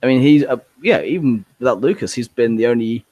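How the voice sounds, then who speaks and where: A man co-hosting a podcast in relaxed casual chat, agreeing and plugging the show. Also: mid-range voice, a little fast, dull audio. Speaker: podcast co-host.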